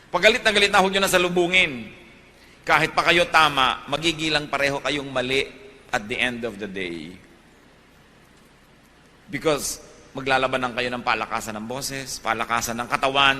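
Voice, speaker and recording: A man's voice: mid-range voice, pushed and bright, long reverb tail. A man with a Filipino accent, a priest preaching a sermon and mixing in English, rising emphatically when he warns. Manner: switches between Tagalog and English, rising emphatically on warnings.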